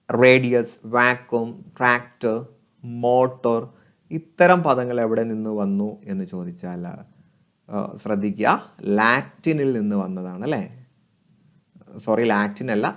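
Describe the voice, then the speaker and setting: Man calmly explaining exam answers. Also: medium pitch. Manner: reads English questions slowly and deliberately, then explains in Malayalam; repeats key answers with a tag. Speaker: exam coaching teacher. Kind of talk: exam question walkthrough lesson.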